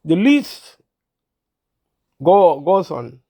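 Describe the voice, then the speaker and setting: A sixty-year-old Ugandan man hosts his own channel, talking casually to camera in a halting manner with frequent pauses, fillers and restarts, and clearing his throat because he's unwell. His voice is fairly high and warm, with big swings in pitch.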